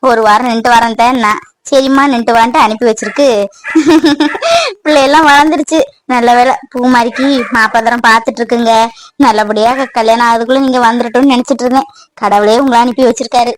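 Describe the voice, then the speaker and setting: A woman voicing a devoted village wife and mother in an animated family drama, pleading and soothing. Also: on the high side, fast, lightly acted, rough recording. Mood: chatty. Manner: pleading, soothing, then bustling.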